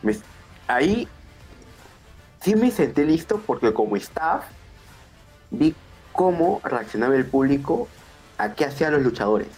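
A young man, a wrestler chatting in an interview, excitable and rambling. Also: a little high, a little slow, pauses often, breathy edge, faint music behind. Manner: excitable, acts out quotes, rambling restarts. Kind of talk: casual interview.

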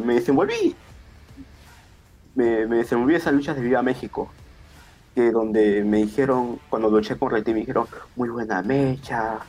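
A young man, a wrestler chatting in an interview, excitable and rambling. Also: medium pitch. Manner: excitable, acts out quotes, rambling restarts. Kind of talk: casual interview.

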